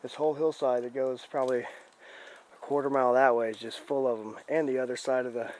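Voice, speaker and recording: A man doing a casual, unhurried vlog out in the woods, thinking aloud in a folksy way as he explores. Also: medium pitch, steady tone, a little mellow. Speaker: outdoor explorer vlogger. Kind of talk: casual rambling vlog narration while exploring. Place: outdoors in the woods on a rocky hillside. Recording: clear outdoor background noise.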